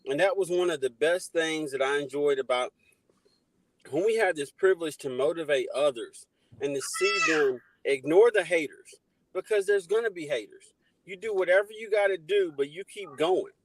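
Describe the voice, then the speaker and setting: A man hosts a casual livestream chat. His voice sits fairly high for a man, and the sound is close and dry. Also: moderate pace, no echo, rough recording. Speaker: livestream host.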